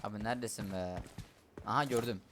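A young man giving live commentary on a shooter game, excitable, shouting and muttering at enemies. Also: fairly low pitch, fast, very noisy. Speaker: gamer streamer. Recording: loud gunfire over the voice. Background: game gunfire and vehicles.

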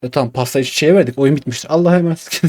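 A man's voice: on the high side, racing, darkish tone, dry recording. A young man casually commenting on a game as he plays, coaxing and cursing at it while talking to himself. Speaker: gaming YouTuber. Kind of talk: casual let's-play commentary.

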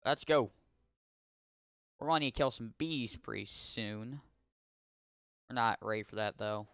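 A young man casually commenting on his gameplay, chatting to in-game characters and yelling curses when startled. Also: medium pitch, measured pace, creaky, clear, resonant tone, no echo, clean studio sound. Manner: yells and swears when startled. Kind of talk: casual let's-play commentary.

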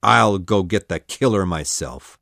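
A woman voicing a cruel, bullying male pirate captain in a storybook reading, drawing out her threats slowly. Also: extremely low pitch, animated, gravelly, a bit bright, no echo, clean studio sound, pitched below the performer's own voice, exaggerated voice. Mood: threatening. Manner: growling threats, slow and drawn out.

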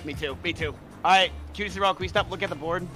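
A man's voice: high voice, very fast, sharp tone, faint music behind. A man streaming an online board game with friends, brash and taunting, swearing a lot. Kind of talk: casual gaming chat.

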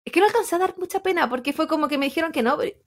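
A Chilean woman in her thirties with a Chilean accent, co-hosting a podcast in casual, animated chat full of slang and laughter. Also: sits high, very fast. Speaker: podcast co-host.

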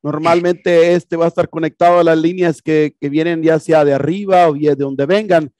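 This HVAC instructor sounds slightly high and mellow, with a steady tone and normal speed, chatting his way through a lecture on a projected video. He explains casually and repetitively, leaning on rhetorical questions, in a classroom captured with clean, dry studio sound.

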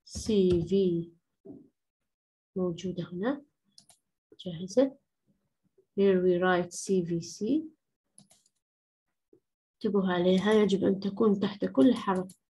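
Slow-spoken teacher, a husky-voiced woman. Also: mid-range voice, dark tone, rough recording. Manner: switches between Arabic and English, slow deliberate spelling. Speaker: English teacher. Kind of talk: classroom lesson explaining phonics.

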